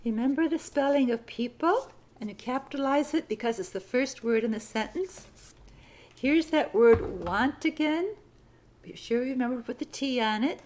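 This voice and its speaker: A woman's voice: sits high, brisk, hardly any pauses, a little mellow, slight background noise. A woman teaching a citizenship writing lesson, patiently dictating sentences and spelling words out letter by letter.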